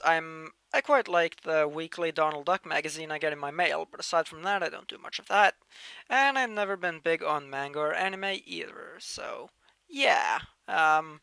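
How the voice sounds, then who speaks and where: A fairly high, smooth male voice with vocal fry belongs to a young Norwegian in his late teens who hosts a channel. He casually answers viewer questions in a chatty Q&A monologue, restarting phrases often, with bursts of emphasis and lively volume shifts. No room sound.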